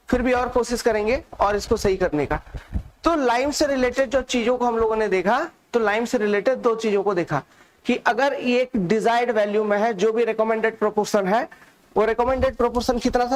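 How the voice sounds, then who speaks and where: A male instructor giving a live online lecture, speaking slowly and softly on purpose and dictating notes by repeating key terms. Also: very high voice. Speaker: exam-prep instructor.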